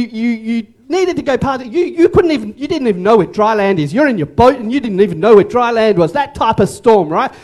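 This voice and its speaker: High-voiced, animated male preacher. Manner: animated, joking, repeats words, calls on audience. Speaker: pastor. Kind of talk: lively interactive sermon. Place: church service room.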